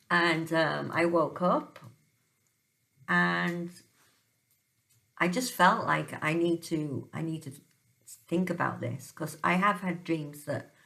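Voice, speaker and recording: A woman's voice: sits low, vocal fry, a bit bright. A woman talking casually at home about her dreams, hesitant and full of ums and restarts. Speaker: tarot reader sharing dream interpretations. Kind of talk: casual monologue. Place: home, dog nearby.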